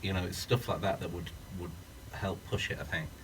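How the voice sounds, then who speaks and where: Low bright british guy at a film q&a, earnest, restarts a lot, sounds far from the mic. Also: fairly even intonation, fairly quick, a little hiss or hum. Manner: earnest, thinking aloud with restarts. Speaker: writer-director. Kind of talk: post-screening Q&A talk. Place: screening room. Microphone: no working mic, speaking up. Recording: distant room sound.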